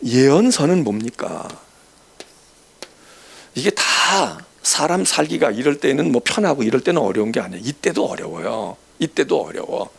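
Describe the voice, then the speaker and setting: A middle-aged man from South Korea preaching a midweek sermon as pastor, in a conversational way, acting out quoted voices and swinging from soft asides to stern emphasis. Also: medium pitch, sing-song, normal speed, gravelly, breathy edge.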